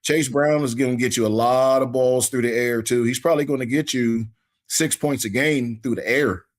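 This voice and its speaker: A man in a relaxed podcast chat, talking in an easy, folksy way. He often repeats a word or two before his point comes out, and his voice sits at an ordinary middle pitch. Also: normal speed. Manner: laid-back, folksy, repeats himself when starting a thought. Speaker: podcast co-host. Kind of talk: casual sports chat.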